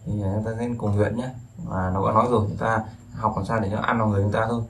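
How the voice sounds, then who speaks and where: A man with a somewhat low voice talks through a language lesson in a loose, conversational way. He rambles and circles back, filling pauses with small hesitations, over a faint hiss of background noise. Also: gravelly. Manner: relaxed, rambling, with frequent fillers and repetitions. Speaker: Chinese teacher. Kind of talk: casual explanatory lesson.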